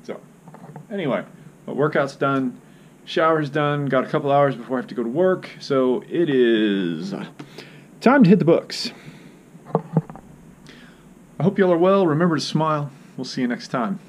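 A man's voice: medium pitch, animated, moderate pace, pauses often, muffled recording, a little hiss or hum. A man in his thirties chatting casually to a handheld camera in a living room at home. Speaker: running vlogger. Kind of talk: casual vlog chat to camera. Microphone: action camera at arm's length.

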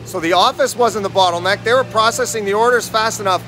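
High-voiced man vlogging in a noisy factory. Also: quick pace. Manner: energetic, talks straight to viewers, asks them questions. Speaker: lean manufacturing consultant. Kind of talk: walking factory-tour vlog. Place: large indoor factory warehouse. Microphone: phone held at arm's length, selfie framing.

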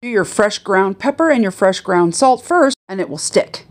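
A middle-aged Midwestern woman, once a professional chef and now retired, talks through a home cooking video on a phone held close in her kitchen. Her voice is mid-range at a normal speed, and she comes across as chatty, animated and instructive.

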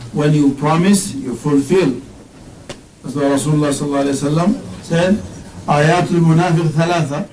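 A faint hum underlies this interactive religious lesson, where a middle-aged man with a fairly high, a little mellow voice teaches in a spacious whiteboard classroom, slightly distant from the mic. He patiently unpacks terms, poses questions to the audience, and recites Arabic verses now and then.

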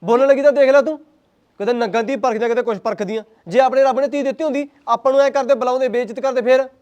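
Man playing a quick-talking Punjabi husband. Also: on the high side, darkish tone, lo-fi sound, lightly acted. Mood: heated. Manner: heated, arguing. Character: young husband standing up to his mother. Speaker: son and husband. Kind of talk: acted family drama.

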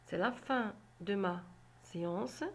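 A woman teaching a phonics lesson to children, sounding out syllables slowly and deliberately. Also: mid-range voice. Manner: slow, deliberate, spelling out syllables.

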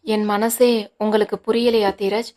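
Stubborn young wife, indignant, sharp-tongued, storybook reading, flat tone, voiced by a woman. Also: mid-range voice, unhurried, close to an everyday voice.

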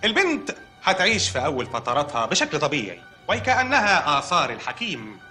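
Give me a deadpan Egyptian doctor with a lively voice. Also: male voice, a little high, brisk, faint music behind, full character voice. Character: deadpan hospital doctor breaking odd news. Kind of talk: TV comedy sketch acting.

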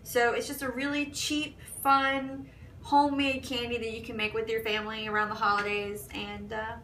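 A woman's voice: fairly high pitch, flat delivery, normal speed, fairly bright tone, a little hiss or hum, poor audio. A woman hosting a casual cooking demonstration, walking through each step in an easygoing, chatty way. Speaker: cooking video host.

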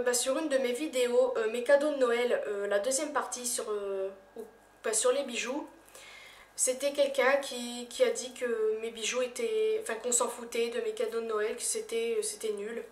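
Hesitant young woman in an echoey room. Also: fairly high pitch. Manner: hesitant, many fillers, soft trailing phrases. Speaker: YouTuber. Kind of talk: casual vlog tag answering questions. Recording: echoey room, voice a little far from the mic.

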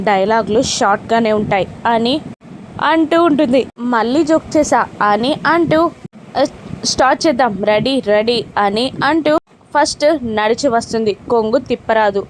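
A woman's voice: a little high, a little hiss or hum. A woman narrating a recap of a TV serial episode, lifting her voice for the quoted lines. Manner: retells scenes, voicing quoted lines with a lift.

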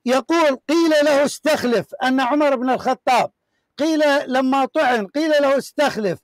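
High-voiced emphatic man. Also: normal speed, no echo. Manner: emphatic, repetitive, declaiming. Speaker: show host debating a caller. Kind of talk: heated religious debate, reading from books on screen.

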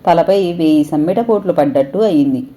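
A woman storyteller reading an audio story aloud in a steady, expressive way. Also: sits low, brisk.

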